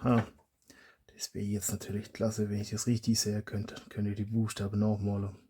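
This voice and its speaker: A man talks through a casual hands-on review in a low voice. He rambles and corrects himself as he goes. A steady noisy hiss with scattered clicks sits under his voice. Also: normal speed. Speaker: hobby YouTuber reviewing toy blasters.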